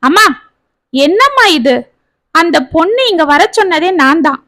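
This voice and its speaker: A woman's voice: very high-pitched, big pitch swings, a little slow, bright, forceful tone, no room sound, studio quality, heavily acted. A woman voicing an agitated young son. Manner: agitated, pleading. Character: earnest young man defending his beloved.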